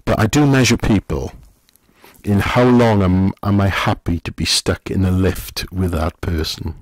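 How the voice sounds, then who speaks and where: A middle-aged man, a pastor, giving a gentle, conversational sermon full of questions to the listener. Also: sits low, a little slow, no room sound.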